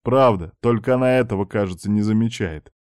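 A man's voice: on the low side, a little fast, darkish tone, no room sound, studio quality, lightly acted. A man doing a teasing young best friend. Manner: joking, mocking.

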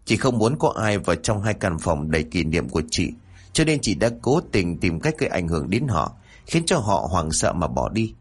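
A man's voice: deep voice, big pitch swings, normal speed, husky, full character voice. A man voicing a young woman's ghost, once full of hatred and now tender and sorrowful, speaking mournfully to those she loves.

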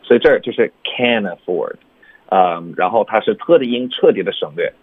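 A low-voiced man explains pronunciation rules in a radio lesson, slowing right down to model each sound. His voice is husky and dry, with a tinny, phone-like radio quality. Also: lively intonation, no room sound. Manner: slow, drawn-out demonstrations of English sounds. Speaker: English pronunciation teacher.

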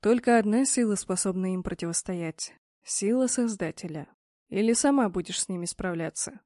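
A woman voicing a stern, knowing man who calmly instructs others before a ritual, in an audiobook. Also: mid-range voice, moderate pace, no room sound, studio quality, close to an everyday voice. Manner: calm, instructive, admonishing.

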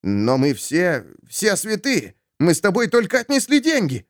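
A man's voice: high-pitched, wildly swooping pitch, a little slow, no room sound, clean studio sound, voice pushed up, heavily acted. A man voicing a timid, stammering man with a trembling voice in an audiobook story. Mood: nervous.

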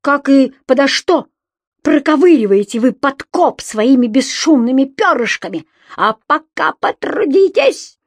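A woman reading an audiobook and voicing a touchy former house-committee chairman who squeals in a ringing falsetto, sneering and clipped. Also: moderate pace, darkish tone, no echo, clean studio sound, lightly acted. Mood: indignant shrill.

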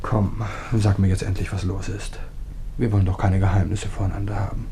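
An actor playing a coldly controlling young husband in a radio play, coaxing and threatening. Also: male voice, low-pitched, flat delivery, fairly quick, warm tone, a little hiss or hum. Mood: menacing.

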